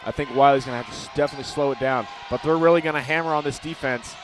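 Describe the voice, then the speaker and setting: A young man doing color commentary at a high school basketball game, jokey and quick to exclaim. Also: steady tone. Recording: loud crowd and gym noise.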